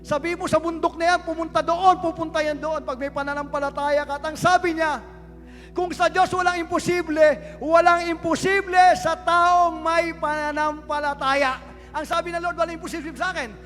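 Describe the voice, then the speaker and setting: A man's voice: very high-pitched, flat delivery, moderate pace, a bit bright, faint music behind. A Filipino man preaching a sermon, calling his listeners beloved and mixing in English scripture quotes. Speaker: pastor. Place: church hall. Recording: long reverb of a church hall.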